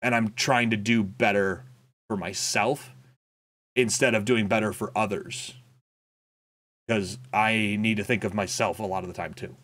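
A young man's voice, on the low side, steady and a bit bright, carries a candid personal vlog update that is reflective and halting, with frequent fillers and restarts. The content creator sits in a small home room, wearing headphones and speaking into a boom-arm desk mic.

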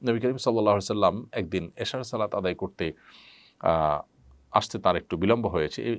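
A man with a very low voice and a Bangladeshi Bengali accent answers religious questions sent in by viewers. He speaks in a measured way and often pauses with "ah". The sound is dry and close, with no room echo. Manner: measured, frequent "ah" fillers, reads names then answers. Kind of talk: live Q&A, reading questions and answering.

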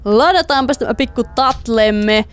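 A woman doing let's play commentary, excitable, talking to the game characters and slipping in English phrases. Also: on the high side, smooth. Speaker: gaming YouTuber.

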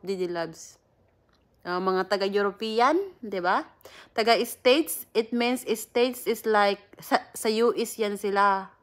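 A woman's voice: fairly high pitch, pushed and bright. A Filipina woman, chatting casually on a livestream, greeting viewers by name and laughing often. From Philippines. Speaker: livestream host.

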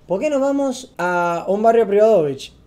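A young Argentine streamer with a high-pitched voice tells a story to camera, talking fast and full of slang. He's excitable and gets loud whenever he acts out scenes.

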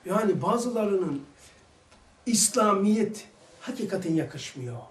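A man with a Turkish accent giving an informal religious lesson, animated and full of rhetorical questions. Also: sits high, slow pace. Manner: animated, acts out quoted voices, rhetorical questions. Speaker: religious teacher. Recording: echoey room, mic some distance away.

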